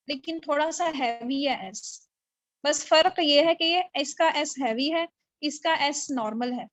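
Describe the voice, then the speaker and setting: A woman's voice: high voice, no room sound, low-quality recording. A woman teaching a live online class on Quran recitation rules, explaining patiently and checking on her students with questions. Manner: explanatory, mixes English terms into Urdu, checks understanding with questions. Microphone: video call microphone.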